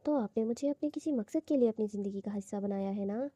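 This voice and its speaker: A stubborn, sharp-tongued young wife, as a woman reads her, tossing back defiant retorts. The voice is husky and deeply mellow, somewhat high, recorded dry and close. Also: dry recording, natural voice.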